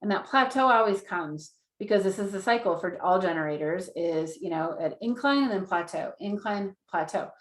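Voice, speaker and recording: A woman's voice: mid-range voice, expressive, normal speed, hardly any pauses. Earnest woman teaching a class, echoey room. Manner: earnest, repetitive, acts out inner voices. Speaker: Human Design teacher. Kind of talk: online class lecture.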